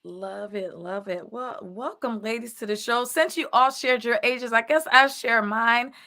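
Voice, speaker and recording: A woman's voice: a little high, unhurried, pushed and bright. A woman in her late thirties hosting a casual live chat show over a video call, upbeat and affirming. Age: 30s. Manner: upbeat, affirming, repeats "I love it". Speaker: host.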